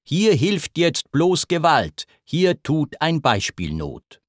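A man voicing a fussy, complacent old king who speaks in slow, pompous pronouncements. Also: medium pitch, sing-song, no room sound, clean studio sound. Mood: resolute.

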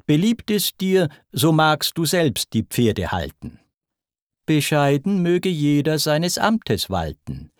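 A man's voice: a little high, big pitch swings, takes it slowly, dry recording, studio quality, pitched above the performer's own voice. A man doing a curt, defiant huntress goddess.

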